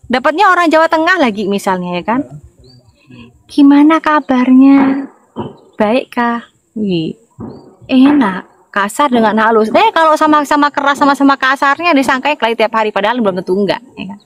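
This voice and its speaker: Lively Madurese-accented woman preaching. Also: sits high, fast talker, no room sound, low-quality recording. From Madura, Indonesia. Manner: lively, chatty preaching with call-and-response to listeners. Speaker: evangelist. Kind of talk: informal sermon.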